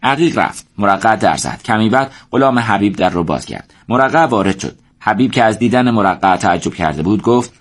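Low-voiced male storyteller. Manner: steady, measured storytelling. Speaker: narrator. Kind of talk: scripted storytelling narration.

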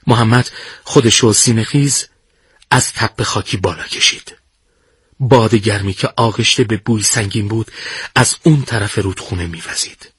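A man reads a dramatic war story aloud at a measured, hushed pace. His voice is husky and mid-pitched, and the recording is dry with no room sound. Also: no echo.

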